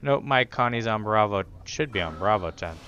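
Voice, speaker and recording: A man's voice: lowish voice, lively intonation, moderate pace, bright, forceful tone, lo-fi sound. A man streaming a video game, chatting casually and muttering to himself as he adjusts his stream settings. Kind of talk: casual gaming stream chat.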